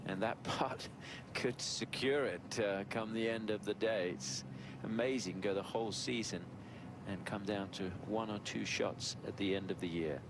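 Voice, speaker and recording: A man's voice: lowish voice, normal speed, noisy background. A man giving broadcast golf commentary, calling shots and summing up the state of play. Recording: loud music bed under broadcast commentary.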